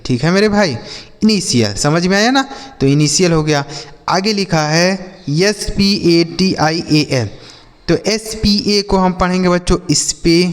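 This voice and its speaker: On the high side and smooth, a man's voice rings with a big-room sound as he hosts his channel's spoken English lesson. The English teacher spells words letter by letter, repeats them, and quizzes his students, calling them children and addressing viewers as children and brother.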